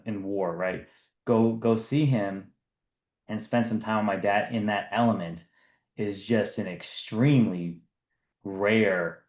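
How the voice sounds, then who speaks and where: A man's voice: lowish voice, darkish tone, roomy sound. A man in his thirties from the US East Coast, a business founder telling his story earnestly in a podcast interview. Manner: earnest, repeats words when restarting.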